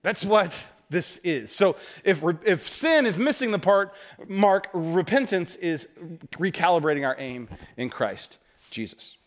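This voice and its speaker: A man preaching a lively sermon in a slightly higher register. He talks conversationally, tells homespun stories with self-deprecating humor, and swings between loud emphatic bursts and quiet, low asides. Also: measured pace. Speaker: pastor.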